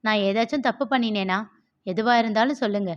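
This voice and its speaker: A woman's voice: fairly high pitch, a little fast, lightly acted. A woman voicing a loving, anxious young wife who pleads affectionately with her husband in a story reading. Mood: pleading. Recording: dull lo-fi.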